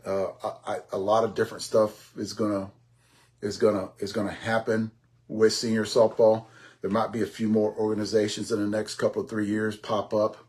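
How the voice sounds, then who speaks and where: A man's voice: lowish voice, a little mellow. A man in his sixties hosting a podcast in a rambling, casual monologue, often repeating himself and swearing offhandedly. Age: 60s. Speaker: podcast host.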